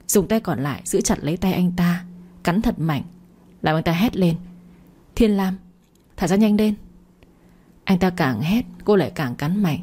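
Woman storyteller, mellow dark tone, husky edge, low voice. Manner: reads every character herself with light voice changes. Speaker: story narrator. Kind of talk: scripted story narration.

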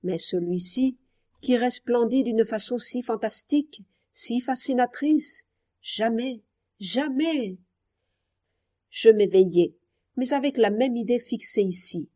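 Woman reader as tormented jealous young woman; passionate, mellow, storybook reading. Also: on the high side, lively intonation, takes it slowly. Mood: obsessed, anguished. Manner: passionate, anguished. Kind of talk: audiobook reading.

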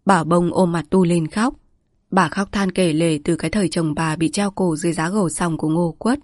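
Low-voiced woman narrating a village story. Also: steady tone, moderate pace, darkish tone, no room sound, clean studio sound. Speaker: audiobook narrator.

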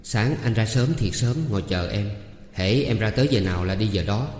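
A man's voice: lowish voice, normal speed, a little mellow, lightly acted. A man as an earnest young lover. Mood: tender. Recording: roomy with long reverb.

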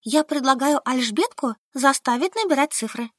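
Woman doing a shrill pushy young girl. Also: animated, moderate pace, dry recording, studio quality. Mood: insistent. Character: excitable, bossy young woman, pushy and squeaky. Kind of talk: audiobook character reading.

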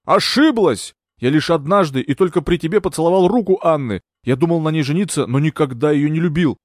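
A man's voice: on the high side, fast, no echo, studio quality, voice pushed up, lightly acted. A man voicing a delirious ship captain who rants, accuses and barks orders in an audiobook. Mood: shouting. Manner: ranting, loud, accusing.

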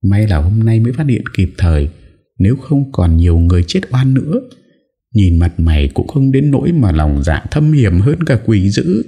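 A man's voice: big pitch swings, normal speed, warm tone, breathy edge, full character voice. A man voicing an older head wife of a household who curses and berates furiously. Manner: shrill, cursing, berating.

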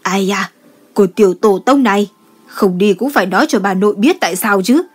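A woman reading an audiobook and voicing a fretful grandmother who pleads and scolds loudly. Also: medium pitch, moderate pace, close to an everyday voice. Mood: exasperated.

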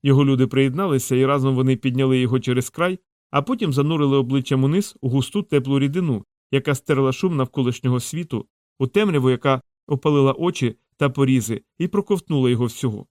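A male audiobook narrator with a mid-range voice, reading in a steady, measured way. The sound is close and dry, with no room around it. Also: medium pitch, no echo. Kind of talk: scripted narration.

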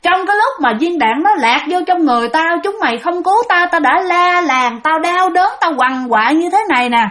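A woman voicing an angry male ghost who has possessed a soldier, accusing and shouting. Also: a little high, sing-song, normal speed.

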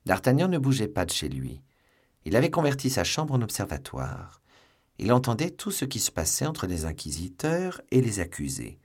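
A man narrating a classic novel as an audiobook, in an expressive storytelling manner. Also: fairly low pitch, normal speed, husky.

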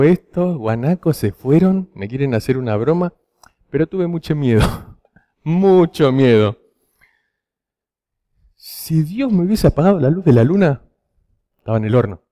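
Argentine preacher, mellow storytelling voice. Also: male voice, fairly high pitch. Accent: Rioplatense Spanish. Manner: storytelling, frequent rhetorical "¿sí?" checks. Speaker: youth preacher. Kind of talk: sermon to teenagers.

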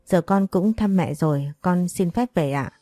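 A woman's voice: lowish voice, a little slow, mellow, no echo, studio quality, soft background music. A woman reading the lines of a remorseful young daughter in a storybook narration, humble and apologetic.

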